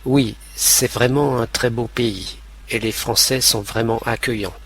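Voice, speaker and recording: A man narrating a scripted language lesson in a slow, clear, carefully pronounced way. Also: medium pitch, fairly even intonation, fairly bright tone.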